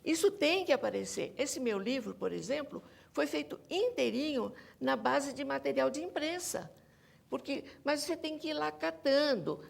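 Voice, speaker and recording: On a discussion panel, a Brazilian academic guest who researches and writes books makes her case emphatically, repeating and insisting on her points. She has a high, gravelly voice.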